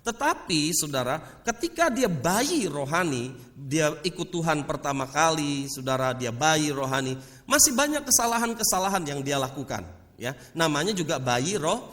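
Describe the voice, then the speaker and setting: High voiced guy preaching in a church, lots of hall echo. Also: normal speed. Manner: addresses the congregation often as "saudara", animated swings in pitch and loudness. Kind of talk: sermon. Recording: long hall reverb.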